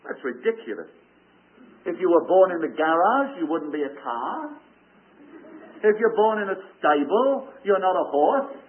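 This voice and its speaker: A man's voice: high voice, sing-song, a little slow, a little hiss or hum. A British man preaching a sermon on the radio, earnest and plain-spoken, acting out doubters' voices in asides. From Great Britain. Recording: narrow phone-like radio broadcast.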